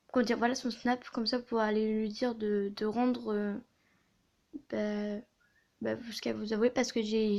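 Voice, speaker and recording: A woman telling a story in a casual video, talking quietly and hesitantly with many fillers and restarts. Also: a little high, lo-fi sound. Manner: soft-spoken, quiet. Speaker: video creator.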